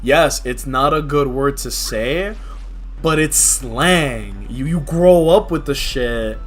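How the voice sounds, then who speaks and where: With music behind him, a young livestreamer from New York City speaks slowly in a mid-range voice. His talk is relaxed, frank, and slangy, like typical stream chatter.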